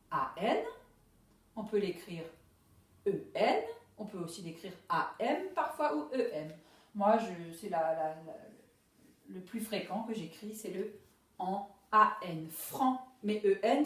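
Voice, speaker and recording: A woman, a primary school teacher giving a dictation lesson to young pupils, saying each syllable slowly and carefully. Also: mid-range voice, very echoey, distant mic.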